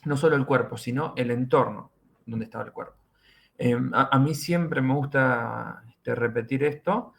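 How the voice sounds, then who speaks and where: Gravelly Argentine forensic doctor explaining. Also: male voice, medium pitch, moderate pace, fairly bright tone. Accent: Argentine Spanish. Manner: explanatory, repeats key phrases for emphasis. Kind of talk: podcast interview.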